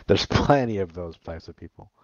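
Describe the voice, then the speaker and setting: A man with a very low, deep voice talks in a blunt, crude and dismissive way, repeating his points in casual argumentative chat. The sound is dry and close, with a muffled, lo-fi voice-chat quality. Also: no room sound.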